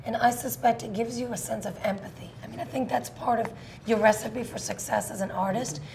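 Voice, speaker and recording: A woman with a fairly high voice speaks as a talk show co-host. She is articulate and empathetic in her interviewing, with audible ambient noise behind her. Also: fairly quick, darkish tone. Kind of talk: introduction and interview questioning. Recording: clear background noise and ambience.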